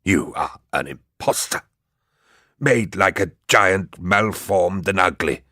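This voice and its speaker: A man's voice: deep voice, expressive, slow pace, sharp tone, dry recording, clean studio sound, full character voice. A man voicing a frail, defiant elderly man who speaks with a thick antique accent, scornful and wavering, in a read-aloud story. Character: frail elderly man, defiant self-proclaimed emperor's servant. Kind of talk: audiobook character reading.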